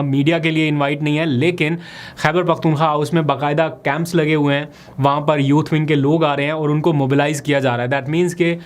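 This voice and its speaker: A man walks through the day's political news in a brisk, analytical vlog commentary. His voice sits a little higher than most men's, and he explains each point in a steady, matter-of-fact way. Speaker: political vlogger.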